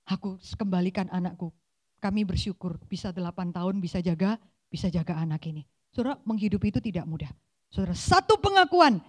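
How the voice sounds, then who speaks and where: A woman, preaching a sermon in a church, telling stories and acting out the voices in them. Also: mid-range voice. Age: 40s. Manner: lively storytelling, acting out voices in dialogue. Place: church hall.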